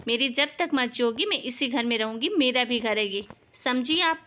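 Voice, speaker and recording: A woman voicing a spoiled, bossy young married daughter in an animated family story, snapping and shouting orders. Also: on the high side, normal speed, lo-fi sound, slight background noise. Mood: angry. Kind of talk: animated cartoon voice acting.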